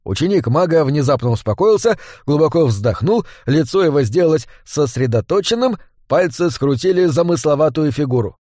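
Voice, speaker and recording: A man's voice: on the high side, animated, moderate pace, hardly any pauses, mellow, no room sound. Man narrating an audiobook, dry close.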